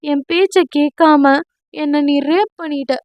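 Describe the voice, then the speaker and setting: A woman's voice: sits high, unhurried, no room sound, lo-fi sound. A woman voicing a playful young husband who teases his wife with theatrical fake wailing. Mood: mock wailing. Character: playful young husband, teasing and mock-dramatic.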